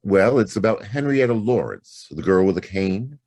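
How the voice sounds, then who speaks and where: An actor playing Philip Marlowe, a world-weary private detective, in a wry, laconic noir radio drama style. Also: male voice, on the low side, lively intonation, normal speed, darkish tone, no room sound, clean studio sound. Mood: smooth, coaxing.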